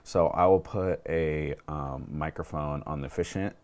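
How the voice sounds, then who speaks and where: A wedding DJ in his thirties sits at a table in a room at home, wearing a lapel mic and casually walking a client through the details. His voice is extremely low and darkish, and he speaks unhurriedly in an informal, explanatory way.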